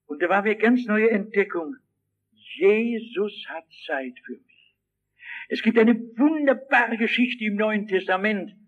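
High-voiced, unhurried preacher, lo-fi recording. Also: male voice. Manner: storytelling, acts out shouting voices; addresses the audience directly. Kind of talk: sermon.

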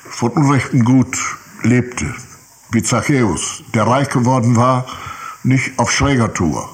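Older male preacher, animated storyteller who plays out quoted voices in his sermon. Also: on the high side. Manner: lively storytelling, acts out quoted voices, frequent tag "nicht?". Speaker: pastor. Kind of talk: sermon with personal anecdotes.

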